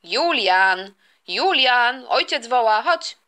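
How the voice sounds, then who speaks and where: A woman's voice: fairly high pitch, expressive, slow, pushed and bright, full character voice. A woman voicing a harried mother who scolds her family to hurry up. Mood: exasperated. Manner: exasperated, scolding.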